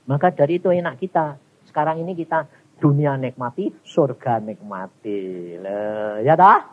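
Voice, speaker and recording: This is a man preaching. His husky, raised voice climbs to sharp exclamations and drops to near murmurs as he questions his congregation. The recording sounds dull and lo-fi. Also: moderate pace. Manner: animated, swings between high exclaims and low murmurs, addresses congregation directly. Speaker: evangelist preacher. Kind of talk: sermon.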